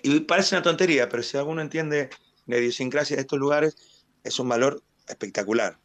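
A man from Mar del Plata with an Argentine accent, a stadium announcer telling stories in a radio interview with animated pride. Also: medium pitch, fast talker, dry recording. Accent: Argentine Spanish, Mar del Plata. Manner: animated storyteller, proud and expansive.

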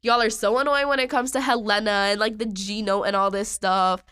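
A woman's voice: mid-range voice, steady tone, fairly quick, fairly bright tone, clear, resonant tone, no echo, clean studio sound. A young adult woman hosting a podcast, ranting in a casual, exasperated way with lots of slang and repetition. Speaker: podcast host.

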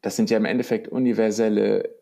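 A man's voice: on the low side, level tone, fast, gravelly, dark tone. A man reflecting on spiritual ideas in a conversation, searching for words with frequent restarts. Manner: uses English loanwords.

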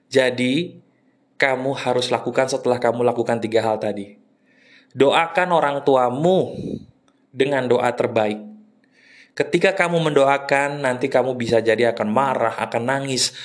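Earnest man with a higher voice. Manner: earnest, coaching tone, swings from upbeat to soft. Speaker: podcast host. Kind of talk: motivational podcast talk.

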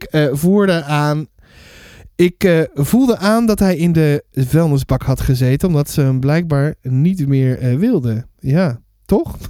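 A man reading a children's book aloud for a podcast, lively and stumbling now and then over words. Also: high voice, dry recording, clean studio sound. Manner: lively, with fillers and self-corrections.

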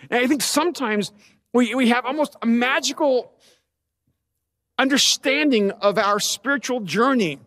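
A male pastor preaching a sermon, reading scripture with lively, sarcastic asides. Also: high voice.

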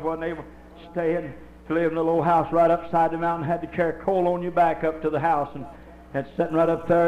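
Older preacher in an echoey church. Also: male voice, on the high side, dull audio, a little hiss or hum. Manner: folksy, impassioned storytelling preaching. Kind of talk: Holiness sermon. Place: church with congregation. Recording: echoey live church recording.

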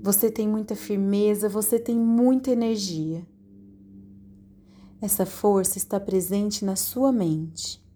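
A woman leading a guided hypnosis meditation in a slow, soothing, calmly directive way. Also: medium pitch, slight background noise.

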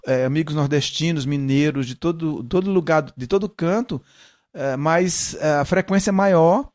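A middle-aged musician is a guest in a casual interview, speaking at a moderate pace in a fairly high, slightly mellow voice. His Northeastern Brazilian accent has been softened by São Paulo, and he repeats words as he explains things.

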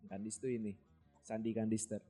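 Young guy cracking puns, mellow dark voice, faint guitar under it. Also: lowish voice, level tone, husky. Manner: bantering, quick puns, frequent laughter. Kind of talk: casual joking wordplay chat.

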